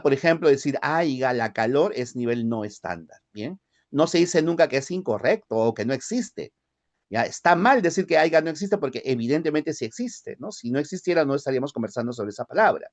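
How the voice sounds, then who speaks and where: A man from the Peruvian highlands with a Lima accent, lecturing a language class and often checking in with short tag questions. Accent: Lima Spanish. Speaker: language teacher.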